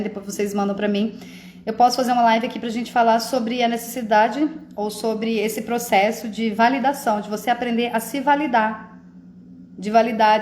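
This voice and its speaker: This woman has a fairly high, slightly mellow voice, heard in an echoey room with a little hiss or hum. Hosting a live stream, she talks casually about emotions and keeps checking that listeners follow, often asking "entende?".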